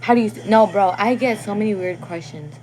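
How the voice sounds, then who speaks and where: Here the same kind of casual phone livestream features a young woman of Guatemalan background speaking a little fast, with a medium pitch and a darkish tone. She laughs often and occasionally trips over her words, since English is her second language.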